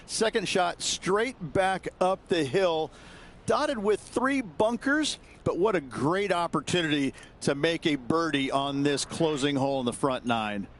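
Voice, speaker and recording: A man's voice: a little high, animated, measured pace, slight background noise. A man playing a knowledgeable, matter-of-fact golf commentator who analyses the course.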